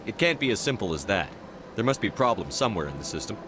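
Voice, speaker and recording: Brisk, blunt human game hero. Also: male voice, on the low side, big pitch swings, background noise. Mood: curt, inquisitive. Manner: curt, direct, questioning. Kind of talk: scripted game dialogue.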